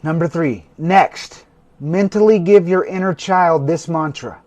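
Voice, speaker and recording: A man with a slightly raised pitch leads a guided meditation on a livestream. He speaks in a slow, calm, instructional way, drawing out each phrase. The sound comes from a home setup on a phone or computer mic. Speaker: host of a livestream.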